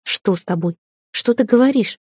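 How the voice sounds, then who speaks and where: Young male prince, proud, jealous, stern, read by a woman, mellow voice, dry recording. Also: fairly high pitch, lively intonation, normal speed, slightly rough, no echo, voice pushed up. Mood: earnest. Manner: ironic, stern, pleading.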